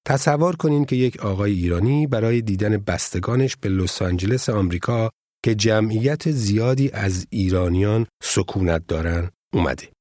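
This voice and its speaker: A man with a fairly low voice narrates a language course in a measured, formal way. The sound is dry and close, with no room around it. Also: darkish tone, no room sound. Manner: measured, formal teaching delivery. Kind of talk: scripted instructional narration.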